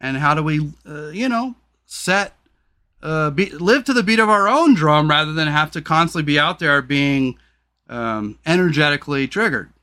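A podcast host with a deep voice talks in a bright, forceful, expressive way at normal speed. The conversation is casual and frank, and he swears freely and rambles with lots of fillers.

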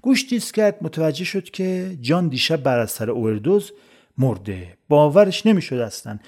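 A man's voice: fairly high pitch, very animated, darkish tone. A man hosting a podcast, telling a life story in scripted, sarcastic narration with mock-pious asides. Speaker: podcast host.

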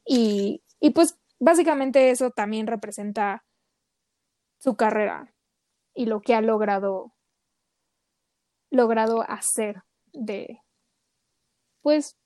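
A woman's voice: a little high, takes it slowly, long pauses, warm tone, dry recording. A woman co-hosting a casual podcast chat, talking with lots of fillers. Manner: chatty, many fillers. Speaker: podcast co-host.

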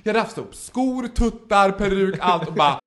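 A man's voice: high-pitched, faint music behind. A man telling a story in casual podcast chat, laughing and acting out the voices of the people in it. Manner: animated, laughing, acts out quoted voices.

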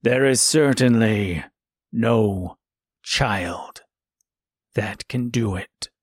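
Menacing wolf pack leader, voiced by a man, slow, deep and growling. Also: dry recording, clean studio sound. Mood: scornful.

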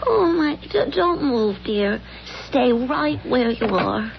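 Impatient bossy wife, highish creaky voice, scolding, fretful, noisy old radio drama. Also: female voice, expressive, takes it slowly, highs cut off, full character voice. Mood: fretful, alarmed.

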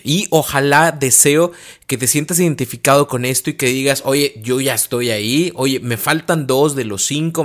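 Earnest man explaining self-help. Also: on the high side. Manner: earnest, explaining, answers his own questions. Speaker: speaker on emotional intelligence. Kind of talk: motivational talk.

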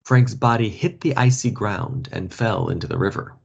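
A man reading a story aloud for learners, slow and expressive. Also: on the low side, creaky, husky. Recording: dull lo-fi podcast audio.

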